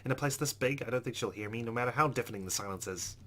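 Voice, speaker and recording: Very fast and mid-range in pitch, a man hosting a let's play reads visual novel narration aloud with asides mixed in, all against loud, steady background noise.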